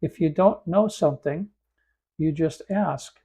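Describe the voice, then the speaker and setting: Male tutorial host in his 50s, a bit froggy, casual and chatty with restarts, darker tone, slightly raised pitch. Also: measured pace, creaky, warm tone, husky. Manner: conversational, with fillers and restarts. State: froggy voice from allergies. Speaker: host and AI instructor. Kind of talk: screen-share tutorial narration.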